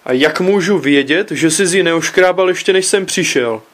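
A man reading aloud voices a suspicious, excitable father who raises his voice in indignant outbursts. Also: on the high side, voice pushed up, natural voice. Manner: loud, indignant, shouting outbursts.

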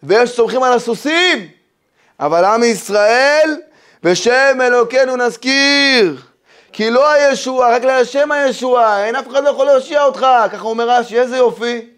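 A man teaching a Torah lesson as a rabbi, animated and emphatic, telling stories and asking rhetorical questions, swinging between loud and hushed. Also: very high-pitched. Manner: storytelling, with many rhetorical questions. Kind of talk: Torah lesson sermon to a live audience.

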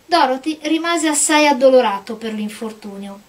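Lady reading a kids' storybook out loud, calm and steady, fairly high voice. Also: normal speed. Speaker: reader. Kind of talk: storybook read-aloud.

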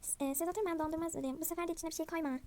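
A woman's voice: very high-pitched, fairly even intonation, rapid-fire, a little mellow, a little hiss or hum. A young woman playfully narrating a dollhouse game and voicing all the characters herself. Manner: voices several characters by herself, chatty. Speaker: channel host playing a dollhouse game.

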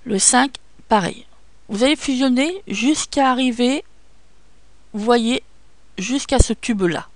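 A woman with a French accent guiding viewers step by step through photo editing software, patient and hesitant, with many fillers. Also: a little high, slow, pauses often, no room sound. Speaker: software tutorial presenter. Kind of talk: screen-recorded photo editing tutorial.

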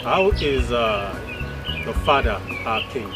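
An actor playing an evasive palace elder placating a princess. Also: male voice, mid-range voice, expressive, slow, over loud music.

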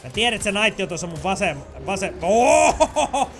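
A man giving excitable let's play commentary while gaming, chatty and full of sound effects. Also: high-pitched, faint music behind. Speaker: gamer.

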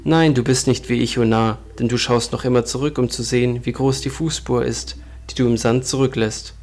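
A man's voice: medium pitch, fairly even intonation, moderate pace, darkish tone, slight background noise, natural voice. Male narrator as the night itself, stern and aloof, storybook parable. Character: the personified Night, dark, deep and aloof.

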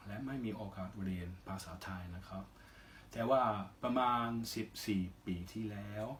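Foreigner speaking careful, halting Thai, male. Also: on the low side, a little hiss or hum. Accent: foreign (Western) accent in Thai. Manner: careful non-native Thai in short halting phrases with polite particles. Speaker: interview guest, singer. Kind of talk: casual interview answers.

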